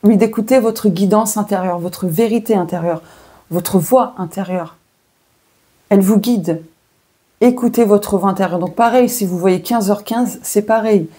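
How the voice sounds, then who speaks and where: A woman's voice: mid-range voice, measured pace, dark tone, husky. A woman with a French accent doing a casual weekly tarot and oracle card reading, chatting and thinking aloud with many fillers and asides.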